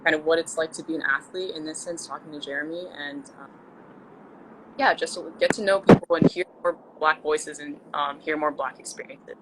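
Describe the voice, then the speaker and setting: A woman's voice: low-pitched, fairly even intonation, a little fast, noisy background. A woman in her twenties from Central Maryland, hosting a casual live video interview and chatting encouragingly with her guest. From Central Maryland, USA. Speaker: host.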